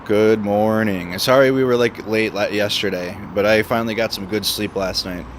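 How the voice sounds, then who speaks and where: This livestream host has a lowish voice and a steady tone, moving at a moderate pace. He chats casually and repeats phrases and words for emphasis, recorded outdoors on a noisy street full of city traffic.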